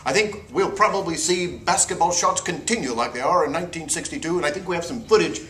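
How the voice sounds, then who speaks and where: A man's voice: on the high side, fast talker, fairly bright tone, slight background noise, natural voice. A man playing a prim, square 1960s TV news co-anchor, earnest and sanctimonious, in a parody newscast. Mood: solemn conviction. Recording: echoey room.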